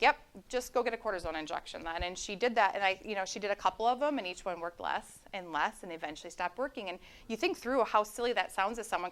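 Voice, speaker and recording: Young woman physician, smooth voice, fast earnest storytelling. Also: mid-range voice, a bit bright. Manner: earnest storytelling, acts out quoted remarks. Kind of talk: live-stream talk.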